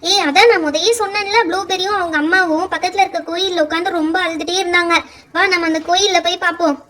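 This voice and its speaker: A woman's voice: very high-pitched, steady tone, fast talker, a bit bright. A woman doing an earnest pleading little girl. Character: kind-hearted little girl, a loyal friend. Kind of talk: doll pretend-play voice acting.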